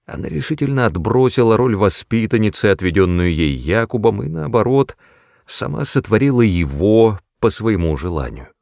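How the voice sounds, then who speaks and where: A man narrating an audiobook in a measured, unhurried way. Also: low-pitched, creaky, darkish tone, no room sound, clean studio sound. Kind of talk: scripted narration.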